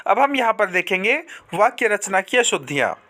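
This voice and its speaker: A man with a fairly high voice teaches a spelling lesson in a steady drill. He sets each mistaken word against its correct form, one after another. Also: normal speed. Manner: drills words by contrasting wrong and correct forms. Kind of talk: Hindi grammar lesson.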